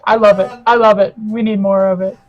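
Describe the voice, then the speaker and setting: Guy on voice chat playing d&d, high pitched, eager and stumbling a bit. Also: level tone, a little fast, muffled recording, crowd noise. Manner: hesitant, eager, with fillers. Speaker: player. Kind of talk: casual tabletop chat.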